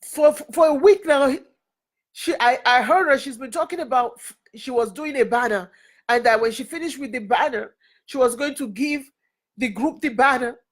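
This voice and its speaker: High-pitched earnest woman mentor. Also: normal speed. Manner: earnest, repeats phrases, preacherly. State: crying and laughing at times. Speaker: mentor and network leader. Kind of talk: emotional motivational talk.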